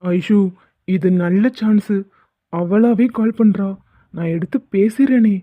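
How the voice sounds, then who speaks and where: A woman voicing an exasperated young husband in an animated comedy, teasing and pleading with his wife. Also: medium pitch, slow, no echo. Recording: tinny phone-like sound.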